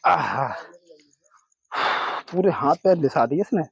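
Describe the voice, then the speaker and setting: A young man rescuing a snake outdoors at night, murmuring low and soothing words to calm it while he explains to onlookers. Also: slow pace, vocal fry, rough recording. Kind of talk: narrating a live snake rescue.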